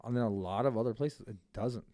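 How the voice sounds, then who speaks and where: A man's voice: medium pitch, brisk, warm tone, no echo. A man from Armenia chatting on a podcast in a blunt, opinionated way and swearing casually.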